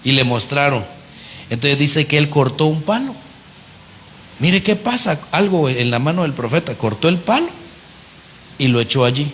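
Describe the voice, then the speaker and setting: A man preaching a conversational sermon, animated and often putting rhetorical questions to the congregation. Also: on the high side, normal speed, pauses often, a little hiss or hum.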